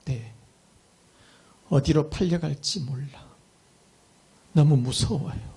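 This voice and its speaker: A man's voice: fairly high pitch, normal speed, creaky, a little mellow. A man voicing a young freed slave girl. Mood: earnest. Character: young slave girl, frightened then overjoyed.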